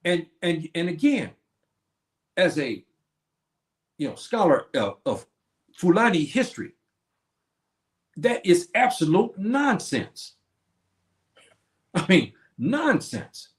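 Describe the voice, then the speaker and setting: Preaching about history on his stream, a man asks questions and supplies his own answers. His high voice is sing-song, and he takes it slowly with long pauses; the sound from his streaming setup is reverberant.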